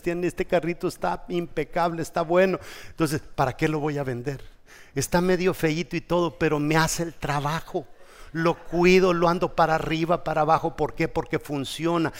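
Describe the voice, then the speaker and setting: A man's voice: on the high side, fairly bright tone. A man preaching a sermon as pastor, emphatic and full of rhetorical questions. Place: church. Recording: echoey church hall.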